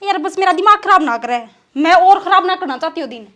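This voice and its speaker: A woman playing a sulky, sharp-tongued Haryanvi young wife. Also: sits high, lively intonation, fairly quick. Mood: sulking. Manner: scolding.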